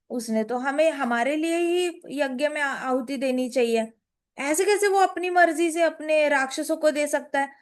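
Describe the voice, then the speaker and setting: Brief: woman doing a fearful, whiny god-king, high and anxious. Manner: anxious, complaining. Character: frightened, indignant male king of gods.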